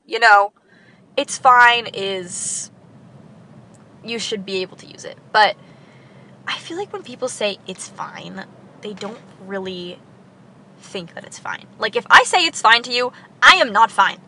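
Chatty teenage girl, bright voice. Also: medium pitch, distant mic, low-quality recording. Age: teens, sixteen. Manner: chatty, many likes, quick laughs, self-deprecating. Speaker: podcast host. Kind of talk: rambling casual monologue.

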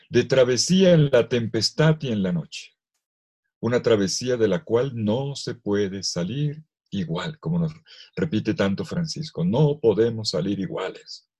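A priest giving a scripture lesson to clergy, reading aloud with expressive emphasis and acting out the quoted lines. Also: male voice, on the low side, husky.

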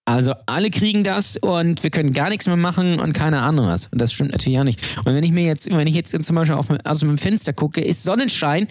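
A man rambles through his opinions on a podcast, packing his talk with fillers. His voice sits a bit high and sounds dry and close to the mic. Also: lively intonation, fast talker, few pauses, no echo. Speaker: podcast co-host. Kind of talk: casual podcast banter.

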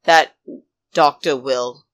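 Low-voiced, slow, campy woman podcaster. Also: fairly even intonation, fairly bright tone, no room sound. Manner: sassy, indignant, emphatic with repeated words. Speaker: podcast host. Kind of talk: solo reality TV recap podcast, chatty commentary.

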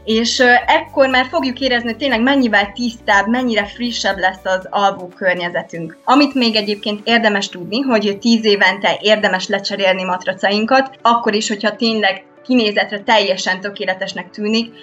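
A woman speaking as an interviewed expert, laying out practical advice in a calm, explanatory way. Her voice sits at a middle pitch. The recording is a little dull and lo-fi, with faint music underneath. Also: few pauses. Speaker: sleep expert guest. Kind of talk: interview answers.

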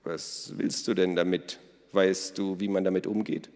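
A man voicing a calm, wry father with a dry way of talking, in a storybook reading with long reverb. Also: deep voice, unhurried.

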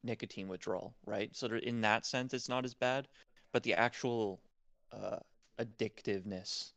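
A man works through his ideas in relaxed, meandering sentences, often stopping to restart. His voice is on the low side. The recording is dry and close. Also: normal speed, dry recording. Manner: explains in long hedged sentences with many likes and restarts. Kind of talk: casual chat.

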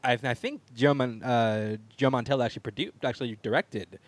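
A man's voice: mid-range voice, brisk, no room sound. A man hosting a casual entertainment talk show, introducing and chatting in an informal way. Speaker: podcast host.

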